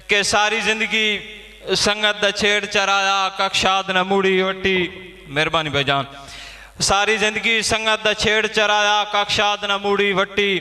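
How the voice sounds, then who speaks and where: Male Punjabi poet on stage, piercingly bright tone, hall echo, repeats verses with thanks between. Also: high voice. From Pakistan. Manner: declaims couplets, repeating each line, thanks listeners between verses. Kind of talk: reciting poetry at a mushaira. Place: stage at a poetry gathering. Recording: long hall reverb.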